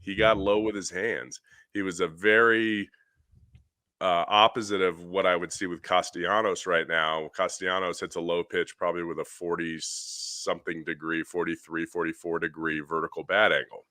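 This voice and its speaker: A middle-aged man with a low, bright, forceful voice talks through a baseball swing in an animated, rambling way. He is recorded on a dry, close mic for a podcast. It sounds like casual studio chat. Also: moderate pace, dry recording. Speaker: podcast co-host, hitting coach.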